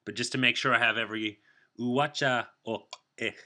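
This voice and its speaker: A man hosting a podcast interview, talking in a relaxed, chatty way from his kitchen. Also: medium pitch, racing. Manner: relaxed, chatty, laughs easily. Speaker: podcast host. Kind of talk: casual interview chat.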